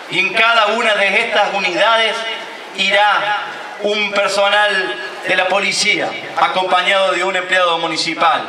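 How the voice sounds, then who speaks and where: An Argentine man in his thirties, a mayor, reads a prepared speech in a declamatory public manner from a lectern on an outdoor stage. His voice sits high and carries with a roomy echo, picked up from some distance. A clear wash of outdoor ambience runs underneath. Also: background noise. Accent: Argentine Spanish. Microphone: stand mic at a lectern. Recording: echoey outdoor PA sound from far off.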